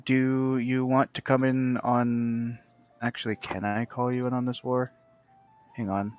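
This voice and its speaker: Male gamer host, casual multiplayer chat, thinks aloud and explains game mechanics in an ordinary mid-pitched voice. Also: flat delivery, a little slow, dull audio, faint music behind. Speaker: strategy game player and channel host.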